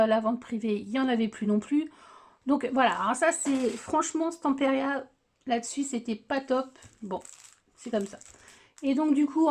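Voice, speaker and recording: Chatty woman with a slightly high voice. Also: darkish tone. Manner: hesitant, many filler sounds and restarts. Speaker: scrapbooking vlogger. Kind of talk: casual chat showing craft purchases.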